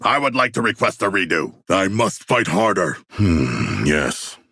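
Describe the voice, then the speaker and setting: A man voicing a huge, earnest shark-man warrior in a video game, gravelly and husky, with stilted, grandiose, literal diction. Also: sits low, lively intonation, measured pace, sharp tone, no echo, clean studio sound, heavily acted. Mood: earnest, deadpan. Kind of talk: video game character voice lines.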